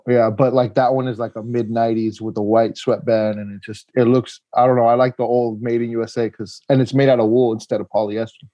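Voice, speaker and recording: Young man, co-host, mellow dark voice, easygoing hesitant chat, dry close sound. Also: mid-range voice, level tone, a little fast, few pauses, no echo, highs cut off. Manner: easygoing, hesitant, many "you know"s. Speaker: podcast co-host. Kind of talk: casual podcast chat.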